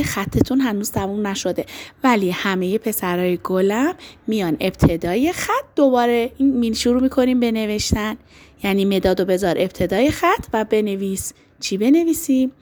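A woman teacher leading a dictation lesson for young boys, affectionate and encouraging, drawing out letters and words slowly. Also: a little high, a little mellow. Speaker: primary school teacher.

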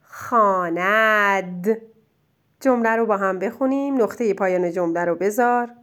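A woman teaching a child spelling, dictating words slowly and clearly and praising their answers. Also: mid-range voice. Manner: slow, drawn-out dictation of single words; gentle, encouraging teacher talk.

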